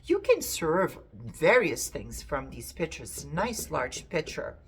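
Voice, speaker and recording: ゆったり話す低めの声の女性. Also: female voice, low-pitched, very animated, takes it slowly. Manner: chatty, repeats words for emphasis. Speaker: antiques reseller showing a haul. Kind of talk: casual chat to camera.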